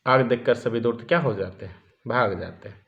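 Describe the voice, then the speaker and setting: Man teaching a class, lecture style, asks and answers his own questions, mid pitch, muffled lo-fi audio. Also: a little fast. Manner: keeps checking in with the class. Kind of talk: classroom lecture explaining a text. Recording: dull lo-fi recording.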